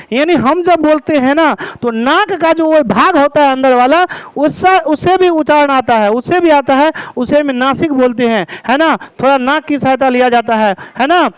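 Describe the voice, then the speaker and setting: High-voiced man teaching a grammar lesson. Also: dry recording, poor audio. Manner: explains step by step, repeats terms, checks "ठीक है?".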